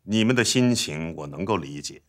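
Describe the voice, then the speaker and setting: An actor playing a stern military commander who gives curt orders and mocks. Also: male voice, low-pitched, lively intonation, normal speed, a bit bright.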